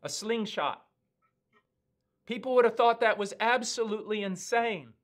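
A man in his fifties with an American accent, preaching a sermon in a slow, earnest, emphatic way with weighty pauses, seated in a studio. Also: sits high, fairly bright tone. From United States. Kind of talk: sermon teaching. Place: studio with dark backdrop, indoors.

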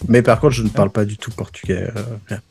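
A man talking as a guest on a podcast, relaxed and a little hesitant, with fillers. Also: lowish voice, brisk, creaky, faint music behind. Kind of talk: casual podcast conversation.

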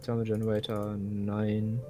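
Young man, lowish voice, halting game chat, repeats words, faint music behind. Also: completely flat delivery. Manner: hesitant, repeats words while thinking. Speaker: gamer co-playing. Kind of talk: casual gaming chat.

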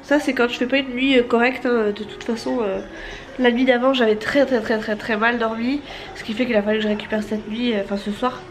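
A thirty-something family vlogger with a stuffy nose from a cold rambles chattily to a handheld camera held out at arm's length inside her apartment, full of fillers and restarts. She talks a little fast, her voice a little high and her intonation fairly even.

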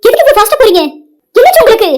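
A woman's voice: extremely high pitch, expressive, rapid-fire, a little mellow, faint music behind. A woman voicing a fretful young wife in an amateur cartoon, scolding as she talks.

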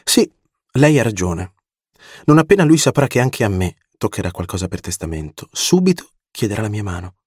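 A man reading an audiobook, voicing a proud, cold and mocking young woman with a sharp, scornful delivery. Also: fairly low pitch, very animated, moderate pace, husky, dry recording, studio quality. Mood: cool.

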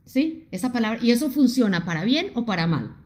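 A woman's voice: fairly high pitch, a little fast. A middle-aged woman from Colombia with a Colombian accent, hosting a live-streamed motivational talk, emphatic and addressing her viewers directly. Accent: Colombian Spanish. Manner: animated and emphatic, reads out viewer comments and talks to them directly.

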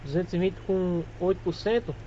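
A man plays a security guard in a game roleplay, talking in a relaxed way. His voice sits a bit high. The audio is dull, with a crowd of voices behind. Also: fairly quick. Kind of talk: casual in-character game roleplay chat.

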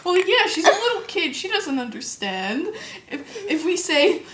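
A woman playing a blunt, deadpan female detective being interviewed in an amateur role-play. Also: extremely high pitch. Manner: blunt, deadpan, quick comebacks. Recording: roomy home recording with noise.

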